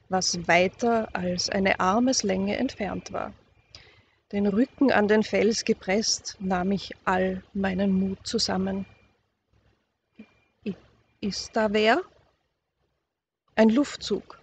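Slow audiobook reader, calm measured storytelling, soft in tense passages, slightly dull recording, faint background hiss. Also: medium pitch. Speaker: reader of a youth novel. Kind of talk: audiobook reading of a first-person youth novel.

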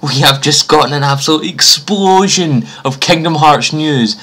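A man hosting his channel, giving a live reaction commentary and gushing with excited exclamations. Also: on the high side, normal speed. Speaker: YouTube host reacting to a game trailer. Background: trailer music playing loudly.

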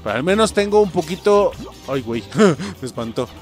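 A young Mexican man giving excited, swearing gameplay commentary and talking straight to his viewers. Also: fairly high pitch, moderate pace, faint music behind. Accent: Mexican Spanish. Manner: animated, swears often, keeps addressing viewers as "muchachos". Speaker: gameplay streamer.

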